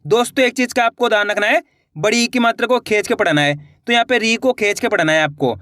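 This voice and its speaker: A man's voice: high voice, fast talker, pushed and bright, no room sound, clean studio sound. A man teaching a reading lesson, spelling out words letter by letter and drawing out the long vowels as he addresses viewers as friends.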